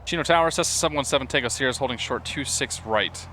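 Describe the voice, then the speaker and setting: A man's voice: medium pitch, quick pace, sharp tone, a little hiss or hum. Man making pilot radio calls on headset. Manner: crisp, clipped aviation phraseology. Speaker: flight sim streamer playing a pilot. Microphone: headset mic.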